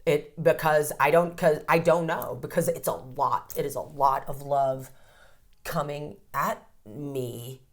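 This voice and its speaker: A low-voiced woman in her thirties talks a little slowly. As a codependency counselor being interviewed casually, she's candid and animated, dropping swear words freely.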